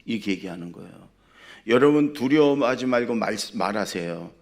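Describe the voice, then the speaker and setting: A male pastor preaching a sermon, swinging between loud exhortation and quiet storytelling. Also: lowish voice, animated, brisk. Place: church sanctuary.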